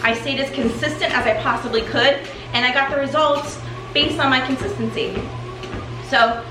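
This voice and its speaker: A woman in her thirties giving a motivational chat as a weight loss coach while walking in place for exercise, recorded indoors. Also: a little high. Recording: echoey room with music underneath. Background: music.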